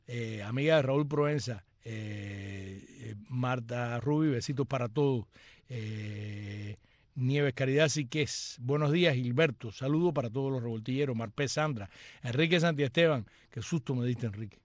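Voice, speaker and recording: Chatty host reading comments. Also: male voice, medium pitch, darkish tone, no echo. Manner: chatty, joking asides and greetings. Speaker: radio and live-stream host.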